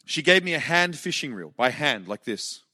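A man's voice: fairly high pitch, big pitch swings, moderate pace. A man preaching in English, telling a personal story in short phrases left for an interpreter. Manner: emotional storytelling, shouted cries in quoted moments. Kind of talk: sermon with live interpreter.

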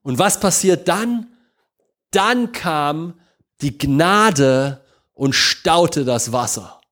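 A man preaching a sermon, swinging between slow, emphatic proclamation and soft, intimate prayer, often checking in with his congregation. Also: fairly high pitch, lively intonation. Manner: addresses congregation with repeated questions.

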